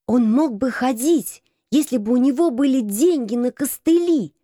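Woman doing shrill eager street boys. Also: moderate pace, mellow, dry recording, studio quality. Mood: proud. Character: eager young street boys, proud and pleading. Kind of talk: audiobook character voice.

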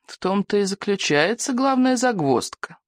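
A man voicing a frail, gloomy old male elder with a creaky, wavering voice who frets over bad omens. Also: high-pitched, expressive, moderate pace, no room sound, studio quality, voice pushed up. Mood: hushed, grim.

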